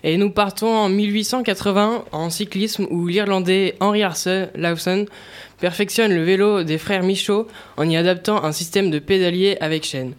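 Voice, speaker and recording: A man with a notably high voice reads a sports almanac aloud on the radio. His pace is steady, and he trips over some names. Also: normal speed. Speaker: segment presenter.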